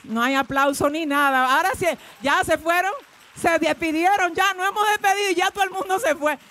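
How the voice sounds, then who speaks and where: A woman pastor preaching a sermon, calling on the congregation to repeat after her and swinging between hushed asides and loud proclamations. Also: very high-pitched, brisk, a faint crowd. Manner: preaching with call-and-response to the congregation.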